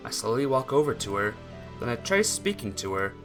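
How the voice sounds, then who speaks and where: A man streams a visual novel over background music, moving between casual chat with viewers and expressive readings of the story. His mid-range voice swings widely in pitch, and he talks fairly quickly.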